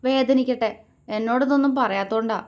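A woman's voice: fairly high pitch, quick pace, lightly acted. A woman voicing a tearful young wife in a romance story, stammering and sulking as she holds back tears. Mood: sulky. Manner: stammering, sobbing, sulky.

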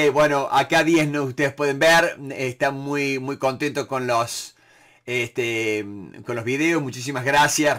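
A man's voice: mid-range voice, fairly bright tone. A man with a Rioplatense Spanish accent, answering viewer questions about negotiation in a casual live talk, full of "este" fillers and quoted lines he acts out.

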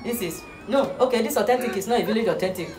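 A woman's voice: fairly high pitch, lively intonation, fast talker. A woman giving a joking spelling lesson, playful and repetitive, laughing often. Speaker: comic host. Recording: roomy echo.

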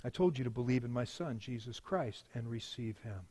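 A man voicing God as a calm, stern judge, speaking slowly and firmly in a quiet, lowered voice. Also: breathy edge. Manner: slow, firm, quiet.

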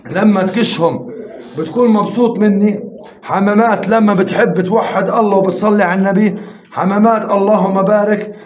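A man hosting a live pigeon auction, rapidly counting bids and urging viewers to join in. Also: high-pitched. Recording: roomy, slightly dull live-stream audio with faint noise.

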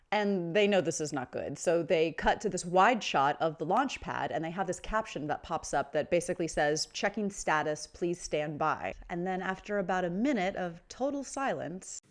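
A woman in her thirties hosting scripted news commentary with casual asides, close to a desk microphone indoors. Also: lowish voice. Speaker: host, space news commentator. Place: small furnished room with bookshelves, indoors. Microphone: desk microphone close in front.

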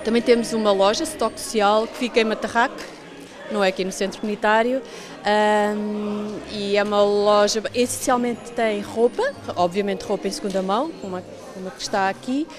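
A woman's voice: mid-range voice, steady tone, brisk, music in the background. A woman in her forties with a European Portuguese accent, a community centre coordinator explaining at length with many fillers. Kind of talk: interview. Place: large indoor hall with clothing stalls. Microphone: handheld reporter mic.

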